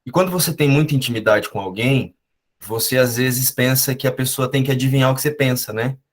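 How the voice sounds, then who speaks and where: A man's voice: medium pitch, brisk. Man sharing a personal story on a call. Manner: reflective, confessional storytelling. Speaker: participant sharing in a study group.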